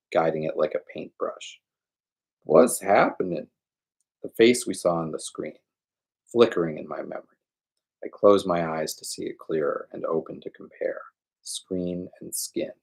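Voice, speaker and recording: Male livestream reader, low husky voice, measured novel reading. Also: a little mellow.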